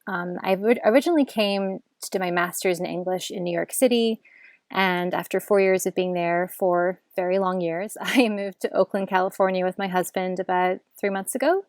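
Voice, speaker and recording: A woman's voice: fairly low pitch, normal speed, no room sound, clean studio sound. A woman in her late twenties with a Glasgow Scottish accent, chatting casually as an interview guest. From Scotland. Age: 20s. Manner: relaxed, chatty, with fillers. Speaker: podcast guest, PhD student.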